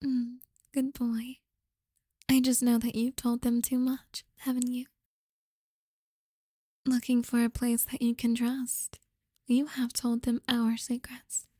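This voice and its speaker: A woman playing a possessive, manipulative girlfriend in an ASMR role-play, soft and breathy, with a creepy, coaxing, controlling manner. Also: fairly high pitch, completely flat delivery, takes it slowly, pauses often, no room sound, studio quality. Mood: quietly menacing. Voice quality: soft, breathy, often soft-spoken. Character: possessive, manipulative yandere girlfriend, sweetly menacing.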